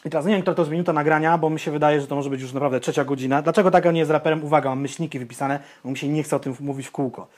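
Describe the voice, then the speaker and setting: This young co-host fires off his words rapidly with few pauses, his voice a little high. In the podcast's casual chat he's outspoken and opinionated, ranting animatedly and cursing bluntly.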